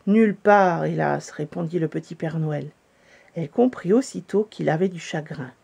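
A woman reading a children's story aloud, with calm, gentle narration. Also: sits low, normal speed, vocal fry, breathy edge.

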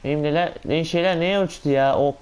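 A man comments on his gameplay, narrating each step and bursting into exclamations. His voice sits a little high and stays smooth and clear. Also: fast. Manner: excitable, talks to himself, frequent exclamations. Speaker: gaming channel host.

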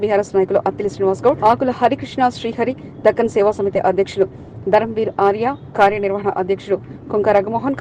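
A woman's voice: medium pitch, lo-fi sound, slight background noise. A woman reading scripted local news as a voice-over, rattling through long lists of names. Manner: rapid, even newsreading through long name lists. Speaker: news reader.

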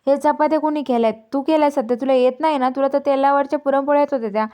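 A woman voicing a gentle young woman who waits anxiously and asks questions, in a retold serial story. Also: high-pitched, fairly even intonation, rapid-fire, natural voice. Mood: plaintive. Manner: plaintive, questioning.

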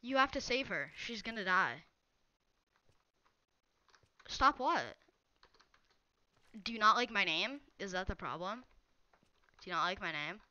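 Bright, teasing young woman streamer. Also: mid-range voice, expressive, a little fast, no echo, muffled recording. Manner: teasing, talks straight to viewers reading chat. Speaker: game streamer. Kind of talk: casual live-stream chat while gaming.

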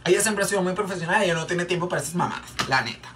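A Mexican Spanish–accented man chats about gossip while doing makeup for his vlog, rambling with plenty of fillers and repeats. He races along in a high voice with music in the background, and the recording has a distant mic and faint background noise.

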